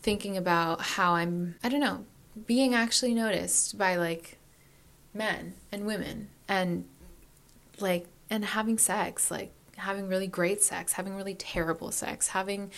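A woman's voice: mid-range voice, steady tone, measured pace, creaky, fairly bright tone. A young woman in her early twenties speaks in a casual confessional vlog. She rambles and restarts her sentences, and leans on fillers as she thinks aloud. Her tone stays candid and reflective. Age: early 20s. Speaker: vlogger.

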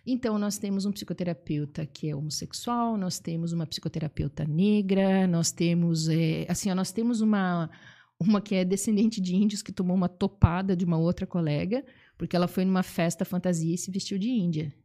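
Mellow-voiced woman storyteller. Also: fairly low pitch, fairly quick. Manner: animated, acts out quoted voices, frequent "assim, ó" fillers. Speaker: psychologist and teacher. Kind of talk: conversational interview storytelling.

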